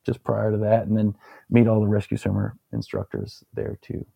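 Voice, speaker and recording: A young man casually recounting a story as an interview guest, relaxed and rambling with plenty of fillers. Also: lowish voice, normal speed, vocal fry, husky, dry recording.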